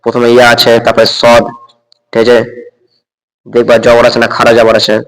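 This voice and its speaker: A man teaches Quran reading, slowly spelling out Arabic letters and vowel marks one by one before moving into drawn-out recitation. He's patient and keeps checking with the learner with repeated "okay?". His mid-range voice is monotone, and the low-quality recording has a long reverb tail.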